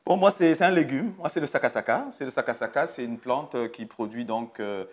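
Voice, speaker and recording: A man's voice: medium pitch, brisk. A middle-aged man from the Republic of the Congo co-hosting a casual chat with his daughter, talking hesitantly with many fillers and repeats. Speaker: nurse and co-host.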